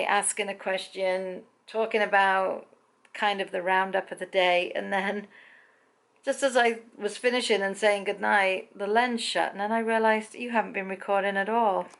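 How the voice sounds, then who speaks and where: A woman's voice: medium pitch, vocal fry. A woman talking casually in a rambling daily video diary, chatty and prone to wandering off on tangents. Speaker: daily vlogger.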